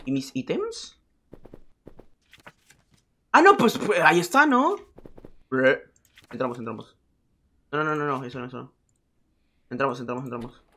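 A man commenting casually on a game he is playing, excitable, repeating words in quick bursts and yelling when startled. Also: mid-range voice. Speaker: gaming streamer.

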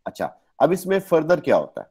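A man's voice: on the high side, huge pitch swings, brisk, a little mellow, slightly rough. A man with a Pakistani accent giving an online lecture, explaining step by step and correcting his own slips. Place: online class.

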